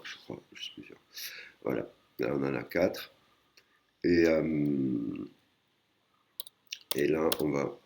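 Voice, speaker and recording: A man with a very deep, gravelly voice teaches in a relaxed, hesitant way and keeps restarting his sentences. He explains each point patiently and adds little tag words as he goes. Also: background noise. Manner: hesitant, many fillers and restarts. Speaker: language teacher. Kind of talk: casual screen-recorded lesson.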